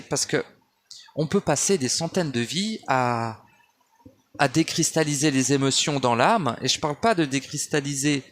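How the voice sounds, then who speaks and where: A man's voice: mid-range voice, a bit bright. A man talking at home in a loose spiritual monologue, wandering off track and restarting often. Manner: digressive, many restarts and fillers, addresses listener as tu. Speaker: spiritual speaker. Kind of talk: rambling spoken monologue. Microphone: handheld phone or basic mic.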